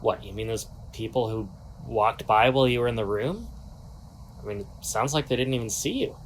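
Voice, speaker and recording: Male actor as nervous, evasive man, mid-pitched, halting and placating, audio drama dialogue with faint noise. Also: expressive, natural voice, rough recording. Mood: placating, grateful. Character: nervous, apologetic man hiding something from a hired helper.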